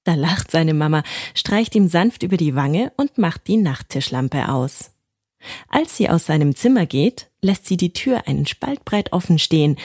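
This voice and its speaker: Husky, low-voiced woman reading a bedtime story. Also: no room sound, studio quality. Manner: calm, gentle storytelling.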